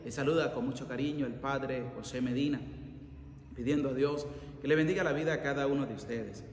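A man's voice: mid-range voice, slight background noise. A middle-aged man preaching a sermon as a priest, earnest and emphatic, recorded in a church chapel by a fixed camera. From Venezuela. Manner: earnest preaching, emphatic and rising on key warnings. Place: church chapel by an ornate altar. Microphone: fixed camera at mid distance. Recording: echoey church with long reverb, faint ambience.

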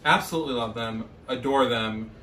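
A chatty young man co-hosting a vlog talks casually to the camera about a grocery haul in a small home kitchen. His mid-range voice is a bit bright at a moderate pace. The camera sits a few feet away, so the audio is roomy and echoey with faint noise.

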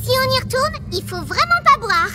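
Excitable, very high-voiced young magician. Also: female voice, moderate pace, over music. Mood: bossy. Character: excitable, fussy young female magician adventurer. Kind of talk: video game voice acting.

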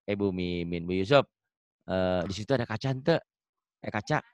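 A man's voice: low voice, lively intonation, clean tone, dry recording. Patient Sundanese man teaching Quran reading. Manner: patient, models syllables slowly for repetition, light teasing. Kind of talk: online one-on-one reading lesson. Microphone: video call.

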